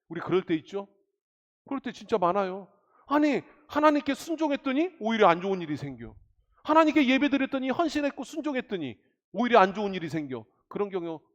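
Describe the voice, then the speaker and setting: A male pastor preaching a midweek sermon, animated and constantly questioning his congregation. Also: high voice. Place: church sanctuary. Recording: echoey church hall.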